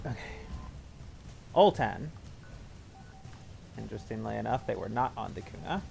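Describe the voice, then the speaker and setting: A gravelly-voiced man gives casual, chatty commentary while playing a video game live. He jokes about his own decisions with an easy tone. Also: on the low side, animated, moderate pace, darkish tone, faint music behind.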